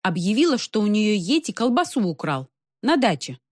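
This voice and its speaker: A woman reading a first-person story aloud in an ironic, expressive manner. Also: medium pitch, brisk, no room sound, studio quality. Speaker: narrator.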